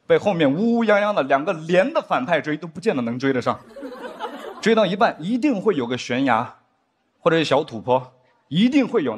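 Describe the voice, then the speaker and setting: A man performing a stand-up comedy set, telling stories and acting out drama scenes in a lowered voice. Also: breathy edge. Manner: lively storyteller, acts out drama scenes in lowered voice. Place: theater stage before a live audience. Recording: live stage with crowd laughter and noise.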